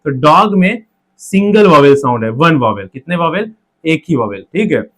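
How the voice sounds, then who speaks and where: A man teaches an exam-prep lesson, his voice sitting a little higher than most men's. He explains step by step, sounding out each word slowly into its syllables and checking in with the listener after nearly every line. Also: sing-song. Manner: explains step by step, breaks words into sounds slowly, repeats "theek hai". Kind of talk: classroom-style lecture.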